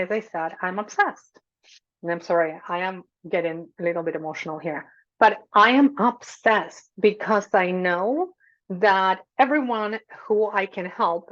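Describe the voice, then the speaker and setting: Earnest woman host, slightly low voice, dull sound. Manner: earnest and effusive, repeats phrases, digresses. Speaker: membership host and coach. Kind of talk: heartfelt direct-to-camera talk.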